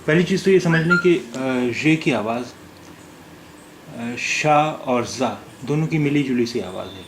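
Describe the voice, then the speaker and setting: A man teaching a recorded language lesson, pronouncing words slowly and carefully, repeating each one with many hesitant pauses. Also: mid-range voice, expressive, a little hiss or hum. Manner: slow, careful pronunciation drills with many hesitations.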